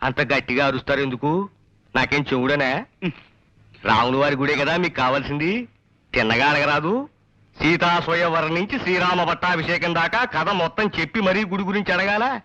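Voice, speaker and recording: An actor playing a gruff, scolding old man who is hard of hearing and answers the wrong questions. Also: on the high side, moderate pace, bright, forceful tone, rough recording. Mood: grumbling. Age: older. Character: grumpy half-deaf old man, mishears everything.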